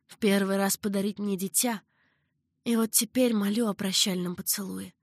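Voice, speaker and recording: A woman's voice: mid-range voice, fairly even intonation, moderate pace, dry recording, studio quality, natural voice. A woman voicing a passionate young concubine who pleads emotionally. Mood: pleading.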